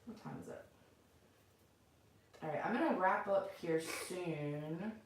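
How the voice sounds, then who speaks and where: A woman's voice: on the low side, lively intonation, takes it slowly, slight background noise. A middle-aged woman chatting casually and unscripted to viewers as the host of a livestream from home. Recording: very echoey room, far from mic.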